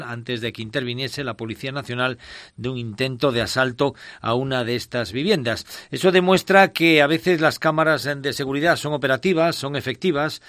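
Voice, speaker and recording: A man hosting a radio news show, explaining things in a measured way with filler pauses. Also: medium pitch, a bit bright, no echo, clean studio sound. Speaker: radio host.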